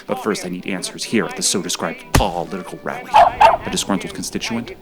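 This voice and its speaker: A man's voice: low-pitched, fairly quick, over loud music. A man narrating his own documentary in a dry, wry, mock-serious voiceover.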